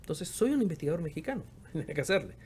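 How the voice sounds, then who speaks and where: This time the Argentine researcher and professor from Patagonia, in his fifties, sounds a little high and a little mellow, speaking very fast and very animatedly. Though reflective as an interview guest in casual talk, he often repeats words while searching for them, with slight noise in the background.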